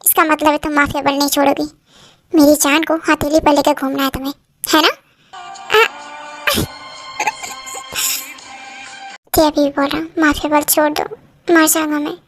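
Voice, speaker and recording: A woman's voice: high voice, little pitch movement, fairly quick, a little hiss or hum. A woman voicing an anxious pleading young husband. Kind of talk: Hindi fan dub acting.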